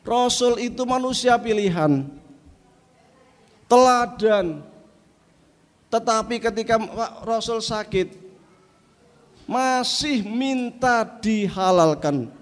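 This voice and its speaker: A man preaching a sermon, telling a story with emphatic, drawn-out phrasing. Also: extremely high pitch, lively intonation. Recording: long reverb in a hall.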